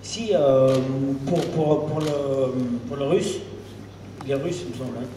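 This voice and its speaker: A man, a sports commentator, asking a press conference question in halting, stumbling phrases. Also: mid-range voice, dark tone. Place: echoey press conference room. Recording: echoey hall, distant mic, background noise.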